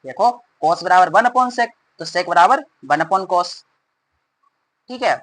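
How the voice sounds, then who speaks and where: A male math teacher explaining formulas in a rapid, repetitive way and calling his students "beta". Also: high-pitched, lively intonation, fairly bright tone, rough recording. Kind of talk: fast classroom explanation.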